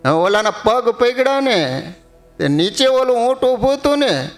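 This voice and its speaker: A man preaching a sermon, telling humorous stories and chanting verses slowly. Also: very high-pitched, big pitch swings, faint music behind. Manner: storytelling, quotes verses in slow chant.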